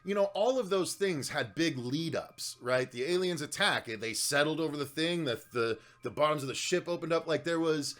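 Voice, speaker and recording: A man's voice: fairly high pitch, lively intonation, moderate pace, few pauses, a bit bright. A man co-hosting a casual movie review chat, rambling with lots of fillers and restarts. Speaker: co-host of a horror movie review show.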